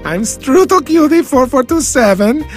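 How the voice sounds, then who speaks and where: A man's voice: very high voice, expressive, moderate pace. A theatrical male cartoon villain, stammering nervously. His melodramatic delivery swoops up and down, with music playing behind. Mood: flustered. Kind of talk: cartoon voice acting.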